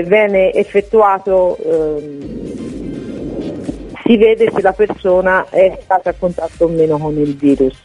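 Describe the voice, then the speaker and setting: A woman calling in to a radio interview on a poor-quality phone line while on duty, talking haltingly with many fillers and restarts. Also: on the low side, dark tone, slightly rough. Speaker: volunteer association head, phone-in guest.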